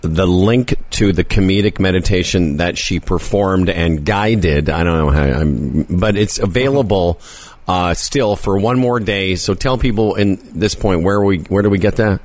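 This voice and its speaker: A man's voice: deep voice, unhurried, darkish tone, no room sound. Playful male host, dry close sound. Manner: playful, teasing. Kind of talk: casual chat.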